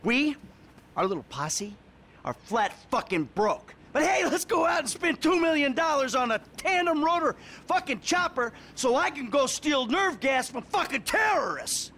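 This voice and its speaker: An actor playing a sarcastic, exasperated middle-aged retired crook who curses a lot, in a video game cutscene. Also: male voice, high voice, very animated, slow pace, fairly bright tone, breathy edge, exaggerated voice. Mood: ranting. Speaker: retired criminal character.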